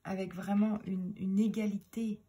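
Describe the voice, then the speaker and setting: Gravelly-voiced woman giving a tarot reading. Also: medium pitch, flat delivery, normal speed, mellow, slight background noise. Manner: musing, often slips into a whisper. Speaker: tarot reader.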